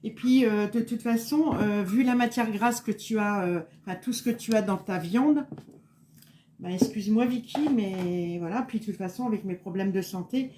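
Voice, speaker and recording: A woman's voice: mid-range voice, normal speed, background noise. A woman presenting a recipe in a casual live cooking chat, rambling with many fillers, tired and on edge after a bad night. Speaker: home cook presenting a recipe.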